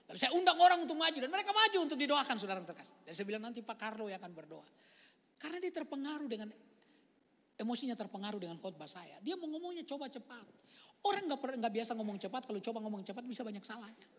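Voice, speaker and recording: A male pastor preaching a lively storytelling sermon, swinging from loud outbursts to hushed near-whispers and acting out the voices he quotes. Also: very high voice, racing. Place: church hall. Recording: long reverb of a large church hall.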